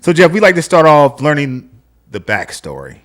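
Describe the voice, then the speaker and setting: Lively male podcast co-host. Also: on the high side, moderate pace. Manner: animated, hyping up the guest. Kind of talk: casual podcast chat.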